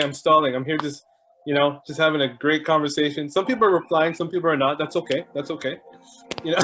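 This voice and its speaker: The recording is low quality: a man with a slightly high voice hosts an online video call. He chats casually, jokes about stalling, and warmly greets everyone as they come in.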